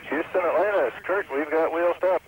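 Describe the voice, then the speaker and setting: Give me a shuttle commander over space radio. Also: male voice, a little high. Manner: loud, brisk radio report. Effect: space mission radio link. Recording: distant radio with faint noise.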